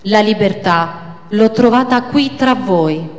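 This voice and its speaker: Woman plays humble male warrior leader; deep, slow, grave delivery; reverberant hall. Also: animated, noisy background. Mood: solemn. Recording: echoey hall, faint crowd.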